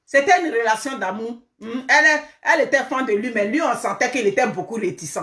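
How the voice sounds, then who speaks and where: A woman holds forth in a live online commentary, her voice pitched high as she scolds and repeats herself for emphasis. She keeps throwing out rhetorical questions. The room around her rings with echo. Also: expressive, fairly quick, a bit bright. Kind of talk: live social media commentary.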